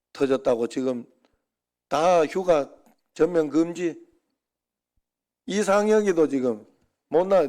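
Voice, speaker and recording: A man's voice: fairly high pitch, dark tone. A middle-aged man preaching a Sunday sermon as pastor, conversational and full of rhetorical asides to the congregation.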